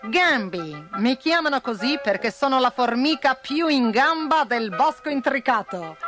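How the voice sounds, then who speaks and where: A woman voicing a cheeky, clever ant chief with a teasing, lively manner. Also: high voice, a little slow, over music.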